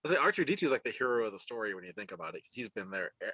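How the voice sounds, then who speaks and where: Male podcast host, bright and animated delivery, dry close sound, encouraging tone. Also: lowish voice, slightly rough, no room sound. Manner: upbeat, encouraging, quick to laugh. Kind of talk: casual group chat.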